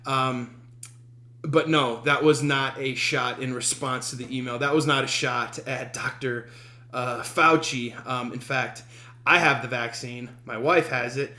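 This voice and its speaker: A man from Denver hosting his podcast, telling a story in a casual, halting way full of ums, with a wry, self-amused humor. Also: mid-range voice, fairly even intonation, sharp tone, echoey room. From Denver, USA. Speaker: podcast host.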